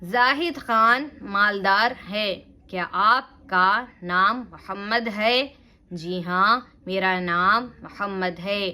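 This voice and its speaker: Slow bright-voiced woman teaching Urdu reading. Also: mid-range voice. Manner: slow syllable-by-syllable spelling, explaining patiently. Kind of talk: spelling-out reading lesson.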